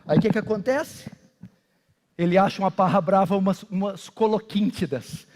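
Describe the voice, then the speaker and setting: A Brazilian man preaching from the pulpit in a very high, reedy voice, dropping from forceful shouts to hushed, urgent intensity. His words ring out with a long reverb that trails through a large church hall. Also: moderate pace, noisy background. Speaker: pastor. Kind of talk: sermon.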